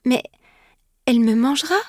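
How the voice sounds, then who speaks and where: Brief: frightened polite girl, played by a woman, pitched high, pleading. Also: measured pace, no echo, clean studio sound, close to an everyday voice. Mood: timid.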